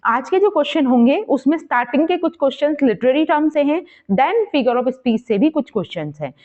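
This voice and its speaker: A woman teaching English literature exam prep, explaining step by step and posing quiz questions, reading English passages slowly. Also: high voice, expressive, phone-quality sound. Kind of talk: exam-prep lesson in Hindi-English mix.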